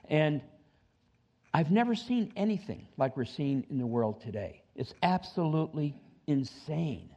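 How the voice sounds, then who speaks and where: A man in his seventies preaching a sermon in church as pastor, animated, rising high for emphasis, with joking asides. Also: highs cut off. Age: 70s.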